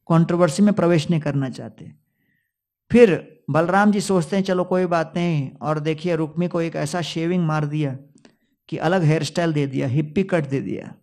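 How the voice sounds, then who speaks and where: High-voiced male devotional storyteller. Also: darkish tone. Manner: storytelling, quoting Sanskrit verses, mixing in English words. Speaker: preacher. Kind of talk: devotional scripture storytelling discourse.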